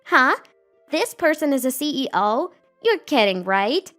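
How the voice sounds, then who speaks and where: A woman's voice: extremely high pitch, very animated, takes it slowly, fairly bright tone, faint music behind, voice pushed up, exaggerated voice. A woman voicing an arrogant young female bank clerk who mocks and laughs crudely, in a story narration. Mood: shocked. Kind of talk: storytelling narration with acted quotes.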